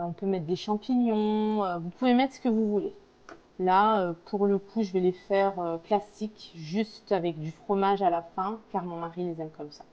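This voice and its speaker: Slow-paced woman giving a cooking tutorial. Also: medium pitch, dark tone, dull audio. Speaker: home cook presenting a recipe. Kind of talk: casual cooking tutorial, talking through steps.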